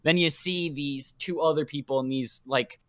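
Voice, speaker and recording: A man's voice: on the high side, steady tone, normal speed, a bit bright, no echo, studio quality. A man narrating as game master of a tabletop game, rambling with many fillers and restarts.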